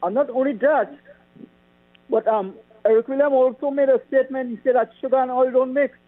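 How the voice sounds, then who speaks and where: A man with a Trinidadian accent, calling in to a radio show over a clipped phone line, talking in a halting way with many ums. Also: very high voice, fairly even intonation, no echo. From Trinidad and Tobago. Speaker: caller. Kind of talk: call-in radio chat.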